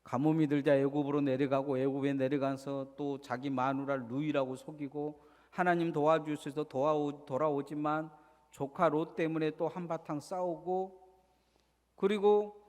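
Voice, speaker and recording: Korean pastor preaching in reverberant church. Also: male voice, on the high side, flat delivery, moderate pace, darkish tone. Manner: preaching with rhetorical questions and call-and-response. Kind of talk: sermon. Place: church sanctuary. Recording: church sanctuary with long reverb.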